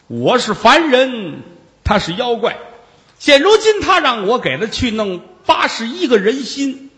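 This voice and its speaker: A man's voice: extremely high pitch, fairly bright tone, pitched above the performer's own voice, heavily acted. A man voicing a frightened ordinary man who pleads in agitation. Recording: long reverb.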